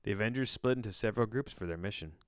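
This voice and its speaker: A solo podcast host with a lowish voice races through his reading in a dry, studio-quality recording. His delivery is casual, full of bemused digressions, frequent self-interruptions and offhand swearing.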